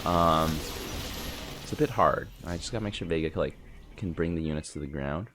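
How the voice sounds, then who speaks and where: A man with a stuffy nose giving casual, rambling gameplay commentary, chatting with his viewers and breaking into surprised excitement. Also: a bass voice, fairly quick, noisy background. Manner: laid-back, rambling, chatty with viewers as "boys". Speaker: gaming YouTuber. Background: game music and sound effects.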